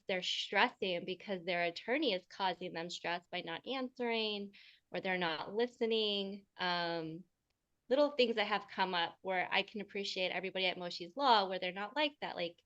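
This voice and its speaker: A woman's voice: medium pitch, a bit bright. Woman realtor hosting a seminar, chatty, call sound a bit muffled. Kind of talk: casual seminar chat on video call. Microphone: video call.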